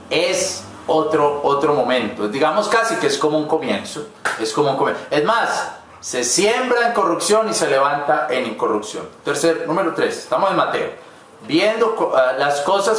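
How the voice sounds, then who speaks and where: A man's voice: fairly high pitch, fairly bright tone. A man pastor preaching a sermon in a rambling, folksy way with asides to the congregation. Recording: very echoey church hall with faint noise.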